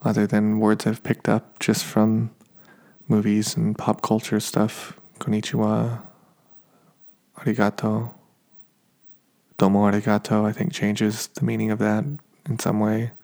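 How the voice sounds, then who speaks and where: A man's voice: fairly low pitch, monotone, measured pace, gravelly, darkish tone. A man with an American accent hosting a podcast in a casual solo chat. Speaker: podcast host.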